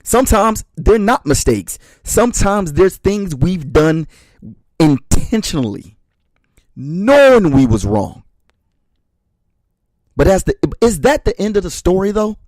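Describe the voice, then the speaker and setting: Slow, emphatic motivational speaker, a man. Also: sits high, sing-song, a little mellow, dry recording. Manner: emphatic, repeats short refrains; addresses listeners as brothers and sisters. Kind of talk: motivational speech.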